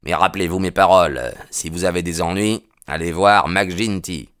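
A man's voice: deep voice, fairly even intonation, moderate pace, fairly bright tone, smooth, dry recording, studio quality. A man voicing a friendly male miner in a storybook reading, giving advice in a chatty tone with hesitant fillers. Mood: advising.

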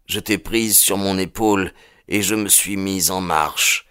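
A man voicing a rough, weary frontiersman who talks slowly and tenderly to a child in an audiobook. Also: sits low, pushed and bright, dry recording, clean studio sound. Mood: grave. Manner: slow, grave, tender speech.

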